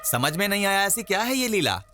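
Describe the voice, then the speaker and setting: A man voicing a scheming, smug holy man villain in a dubbed film, speaking in slow, mocking pronouncements. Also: high voice, very animated, bright, forceful tone, soft background music, exaggerated voice. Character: scheming middle-aged male godman, smug and vengeful. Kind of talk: Hindi film dub.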